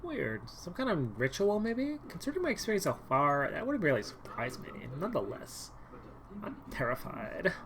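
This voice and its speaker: A woman streamer reads a dating game aloud in the first person, adding sarcastic, wry asides between lines of the story. Her voice is low, but her pitch swings widely as she jumps into exaggerated outbursts. The delivery is playful and theatrical. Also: big pitch swings, normal speed. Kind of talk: dramatic game read-through.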